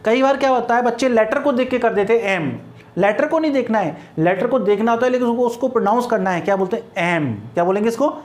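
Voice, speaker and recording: A man's voice: extremely high pitch, fast talker, few pauses. A male teacher walks his class through a grammar rule. He spells words letter by letter and keeps asking rhetorical questions before answering them himself. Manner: drills students with repeated rhetorical questions.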